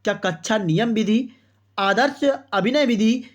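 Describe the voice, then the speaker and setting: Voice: mid-range voice, a little slow, lo-fi sound. An online exam-prep teacher leading a quiz-style coaching lesson, who calls viewers brother and friends, reads out each answer option as a rhetorical question, and keeps adding "okay, exactly" between answers.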